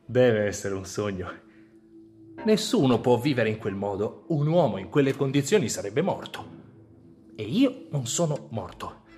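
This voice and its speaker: A maimed young soldier, deaf, blind and trapped in his own body, acted by a man in a dramatic monologue. His voice leaps from anguished cries down to broken whispers and flat, numb calm, over soft music. He speaks slowly and lingers on every line. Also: mid-range voice. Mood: despairing. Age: young adult.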